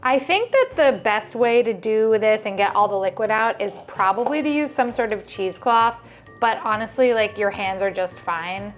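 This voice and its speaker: A woman's voice: medium pitch, animated, normal speed, soft background music. A woman hosting a casual cooking vlog, chatty and upbeat, thinking aloud as she cooks. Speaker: cooking video host.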